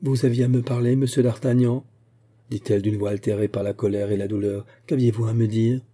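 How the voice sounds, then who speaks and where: A man's voice: medium pitch, fairly even intonation, a little fast, mellow, natural voice. A man reading aloud and voicing a shaken young woman whose voice is strained with anger and pain. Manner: strained, faltering.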